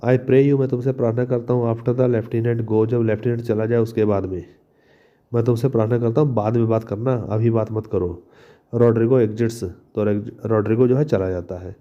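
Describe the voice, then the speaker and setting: A male teacher explaining a play line by line, reading each English line slowly and then explaining it in Hindi. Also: medium pitch, steady tone, mellow, lo-fi sound.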